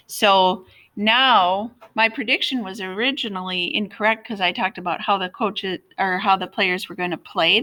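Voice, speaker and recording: A woman's voice: lowish voice, sharp tone. A woman teacher reading a novel aloud to a class and stopping to explain her predictions about the story. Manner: explains predictions as she reads.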